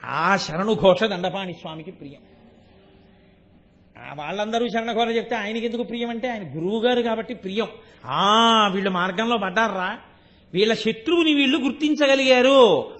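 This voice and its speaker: A man's voice: high voice, moderate pace, a bit bright. A man giving a devotional sermon, telling stories animatedly and asking his listeners rhetorical questions. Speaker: religious discourse speaker.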